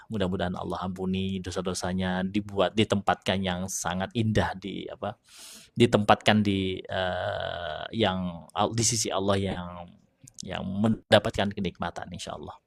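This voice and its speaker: A man teaching Quran recitation on a live stream, reading out viewer questions and slowly demonstrating letter sounds in a relaxed, chatty way. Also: low voice, gravelly.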